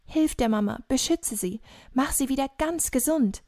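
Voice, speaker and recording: A woman's voice: sits high, moderate pace, a little mellow, voice pushed up, lightly acted. A woman reading an audiobook, voicing a grown son who speaks urgently and anxiously. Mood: praying. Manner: urgent, pleading.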